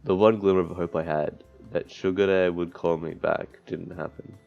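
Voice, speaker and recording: With a low, creaky, slightly mellow voice held at a steady tone, a man reads a visual novel aloud at a moderate pace for gameplay commentary. He stumbles and slips in offhand asides, and the dull lo-fi recording includes background game music.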